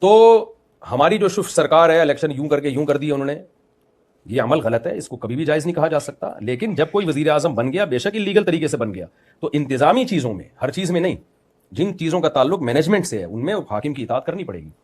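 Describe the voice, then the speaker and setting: A man's voice: a little high, expressive, fairly quick, darkish tone. A middle-aged man with a Pakistani Urdu accent, a religious scholar answering interview questions in an emphatic, lecturing way with joking asides.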